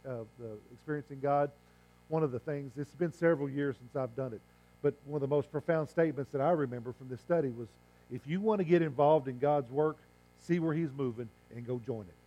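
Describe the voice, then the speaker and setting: Hoarse man preaching an emphatic sermon. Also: mid-range voice, warm tone, muffled recording. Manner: emphatic preaching with rhetorical questions and slow stressed phrases. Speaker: pastor.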